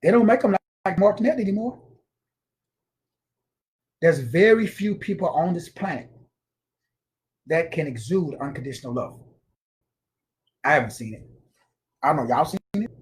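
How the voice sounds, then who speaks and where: A man's voice: on the high side, lively intonation, normal speed, long pauses. A man giving an informal spiritual lecture, slangy and emphatic, repeating words for stress. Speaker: spiritual teacher.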